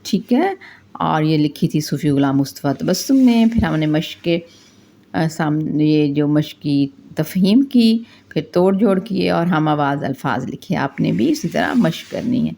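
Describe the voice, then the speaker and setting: A woman's voice: sits low, animated, vocal fry, dark tone. A woman teaching young children, patiently asking questions and answering them step by step. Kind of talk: classroom lesson for young children.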